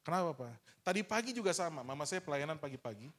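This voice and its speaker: Guy preaching, talks straight to the congregation, slips into little dialogue bits, voice a bit on the high side. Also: sing-song, very fast, fairly bright tone. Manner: candid storytelling, acting out dialogue with his father; addresses the congregation as "saudara". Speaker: pastor. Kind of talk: sermon.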